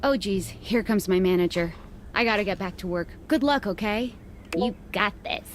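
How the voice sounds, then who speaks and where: A woman's voice: mid-range voice, moderate pace, lightly acted. Woman playing a supportive, teasing best friend. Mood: encouraging.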